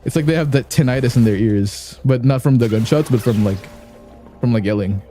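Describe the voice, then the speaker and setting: A man's voice: medium pitch, fairly quick, warm tone, faint music behind. A man streaming a game, chatting casually and joking, boasting about his accent skills. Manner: joking, rambling, self-boasting. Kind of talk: casual gameplay commentary.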